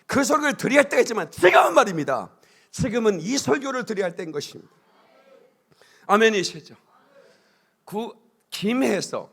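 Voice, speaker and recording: A male pastor preaching a sermon in church, telling stories in a chatty way with frequent asides and building to shouted, sing-song climaxes. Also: on the high side.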